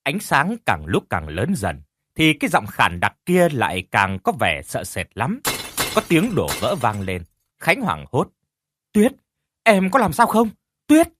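Expressive male horror story narrator. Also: on the low side, unhurried, a little hiss or hum.

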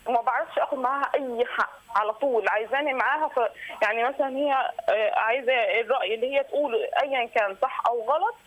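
A woman's voice: on the high side, very fast, fairly bright tone, lo-fi sound. A weary, distressed woman in her thirties with an Egyptian accent, calling in to describe her troubles, hesitant and full of fillers and restarts. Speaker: caller. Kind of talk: call-in confession.

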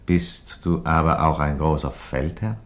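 In a theatrical radio play, a male voice, very deep yet fairly bright, plays a calm, ironic, reasonable Roman emperor who loves chickens. He reasons calmly, sounding measured, philosophical and drily courteous.

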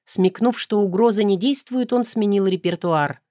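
A woman narrating a first-person audiobook in a smooth, even storytelling manner. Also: medium pitch, moderate pace, dry recording, studio quality.

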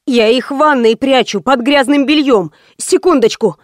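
A woman's voice: moderate pace, dry recording, studio quality, close to an everyday voice. A woman voicing a frightened pampered young man. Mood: panicky. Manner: frightened, pleading, high-pitched. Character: young male host, pampered pretty-boy, timid. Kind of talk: audiobook character voice.

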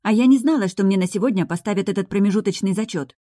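A woman reads as a cross young sister on the phone, clipped and impatient. Her voice rises a little above the narrator's own low pitch and stays dark and close. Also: big pitch swings, quick pace, dry recording. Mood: annoyed. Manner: curt, irritated phone talk.

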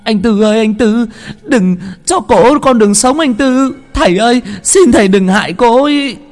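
A man's voice: sits high, big pitch swings, unhurried, gravelly, darkish tone, voice pushed up, full character voice. A man voicing a frightened, compassionate village mother in a ghost story, imploring. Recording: heavy reverb with music.

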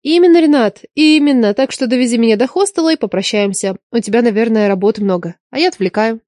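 A sharp-tongued young woman teacher, put on by a male audiobook reader, answering in curt, cool, sarcastic lines. The voice sits well above the reader's own, dry and close to the mic. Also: very high voice, fast talker, no echo, pitched above the performer's own voice. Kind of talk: audiobook character voice.

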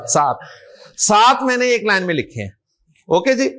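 High-voiced man teaching a class. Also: very animated, a bit bright, poor audio. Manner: coaxing, repetitive, frequent checks for understanding. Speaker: Arabic grammar teacher. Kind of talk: classroom lesson, drilling letters.

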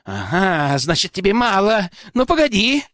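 A man doing a shrill, sneering nobleman. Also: huge pitch swings, unhurried, no echo, studio quality, heavily acted. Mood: indignant. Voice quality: shrill, nasty high voice. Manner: shouting, sneering. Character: snobbish young male nobleman, arrogant, hot-tempered.

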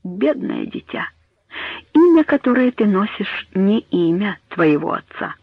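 A man reading a storybook voices a dying mother who speaks in grave, hushed, imploring tones. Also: high voice, big pitch swings, measured pace, vocal fry, breathy edge, no echo, exaggerated voice. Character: dying mother hiding a grim secret. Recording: tinny phone-like dry audio.

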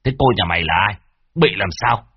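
A man's voice: lowish voice, expressive, brisk, slightly rough, dry recording. A man voicing a smug, coarse village healer in an audio story, brusque and self-assured. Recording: dull lo-fi dry recording.

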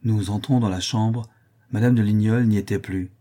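A man reading a classic novel aloud as an audiobook in first-person narration, steady and expressive. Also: lowish voice, normal speed. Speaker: audiobook reader.

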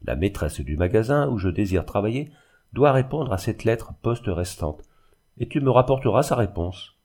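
A man's voice: on the low side, lively intonation, moderate pace, a little mellow. A man reading aloud and voicing a proud, unhappy young orphan girl who pleads earnestly. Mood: resolute.

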